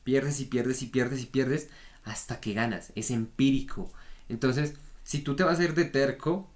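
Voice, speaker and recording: A man's voice: mid-range voice, measured pace, a little mellow. A man giving a frank, repetitive spoken lesson on trader psychology, often checking in with the listener. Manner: frank, repetitive, peppers talk with "¿vale?". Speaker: trading coach.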